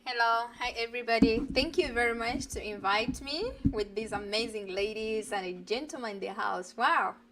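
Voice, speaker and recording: A woman from Uganda speaks in a somewhat high voice. She is an earnest, lively guest in a live online chat, heard through a video call. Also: normal speed, few pauses, background noise. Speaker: guest, digital business coach.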